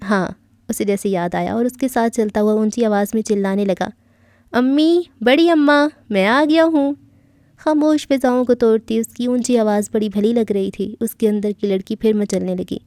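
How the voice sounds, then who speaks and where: A woman narrating a novel as an audiobook, reading smoothly and with expression. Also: mid-range voice, fairly even intonation, few pauses, dark tone, no room sound, studio quality.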